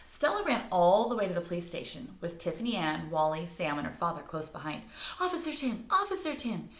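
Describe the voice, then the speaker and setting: Fairly quick, with lively intonation and a lowish voice, a woman gives an animated read-aloud of a storybook to children. She stops to put questions to her young listeners. The recording has an echoey room sound.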